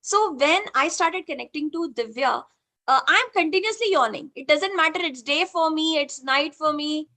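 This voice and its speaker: A woman's voice: high-pitched, normal speed. A woman with an Indian accent who leads a group session and tells a participant's story animatedly, mixing English and Hindi, over a video call. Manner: animated, mixes English and Hindi, many "you know" fillers. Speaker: spiritual session facilitator.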